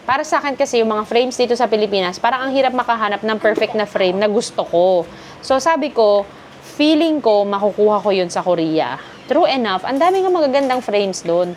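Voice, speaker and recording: A woman's voice: mid-range voice, slight background noise. A woman from the Philippines chatting casually through a haul vlog, switching freely between Filipino and English. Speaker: vlogger.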